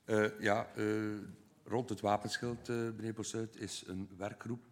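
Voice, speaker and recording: Curt, low-voiced Flemish alderman. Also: little pitch movement, a little slow.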